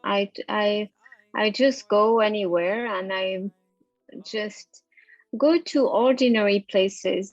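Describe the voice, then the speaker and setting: A middle-aged woman with a French accent, a photographer guest in an interview, speaking thoughtfully with pauses and fillers. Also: medium pitch, dry recording, lo-fi sound. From France. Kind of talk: casual interview over a call.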